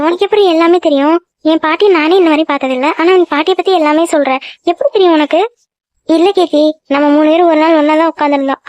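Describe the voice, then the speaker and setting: A cartoon voice artist voices every village woman and girl in a family cartoon, using one voice for every figure. Her voice sits high, and the talk is chatty and emotional. The recording is dry and dull-sounding.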